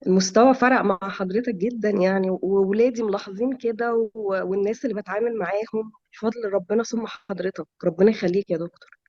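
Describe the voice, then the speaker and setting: A woman's voice: mid-range voice, fairly even intonation, quick pace, muffled recording. A woman from Egypt with an Egyptian Arabic accent, a student speaking politely and gratefully to her teacher.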